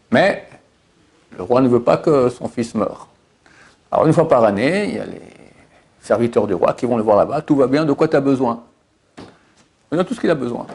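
A man's voice: medium pitch, creaky, darkish tone, slightly rough. A man giving a religious lesson as a sermon, addressing listeners directly with rhetorical questions and impassioned, rising emphasis. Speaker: rabbi giving a Torah lesson.

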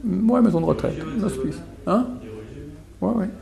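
A man's voice: high voice, normal speed, vocal fry, mellow, faint music behind. A middle-aged man teaching a sermon to a small audience, emphatic and repetitive, dropping to murmurs then rising again. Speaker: religious teacher.

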